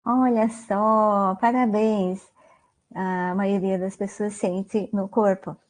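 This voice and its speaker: A woman's voice: mid-range voice, fairly even intonation, slow, a little mellow. A woman with a Brazilian Portuguese accent giving an online mindfulness talk, conversational, often tagging sentences with "né?" and asking her listeners questions. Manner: conversational, many "né?" tags, asks the audience questions. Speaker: guest lecturer on mindfulness.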